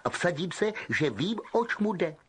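Man reading as a snide schoolboy, drawling, mocking, lively pitch, storybook reading. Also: slightly rough, heavily acted. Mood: sneering. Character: sneering, drawling arrogant schoolboy.

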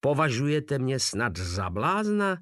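A man's voice: mid-range voice, big pitch swings, a bit bright, no room sound, clean studio sound. A man voicing a small, pompous old field marshal who spits out his words with contempt, in an audiobook reading. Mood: scornful.

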